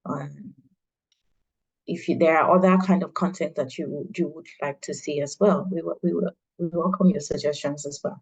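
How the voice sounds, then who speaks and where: A woman hosting an online launch meeting, talking in a halting way with many fillers and restarts. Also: deep voice, fairly even intonation, creaky, a little mellow, breathy edge, rough recording. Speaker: event host.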